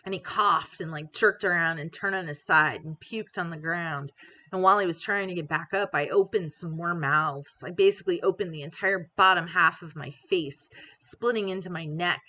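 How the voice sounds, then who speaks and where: A woman reads an interactive story aloud in the first person, in a loose, chatty way with small fillers. Her voice sits slightly low, with a bright, forceful edge. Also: moderate pace. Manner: casual, conversational narration with fillers.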